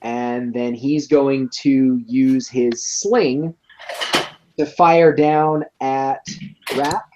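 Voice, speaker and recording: A woman narrating as game master of a tabletop game, relaxed and hesitant with frequent ums. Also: extremely low pitch, extremely slow, highs cut off, background noise.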